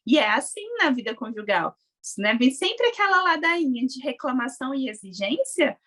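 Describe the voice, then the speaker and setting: A woman's voice: high voice, big pitch swings, moderate pace, fairly bright tone. A woman in casual conversation, explaining animatedly and acting out quoted voices.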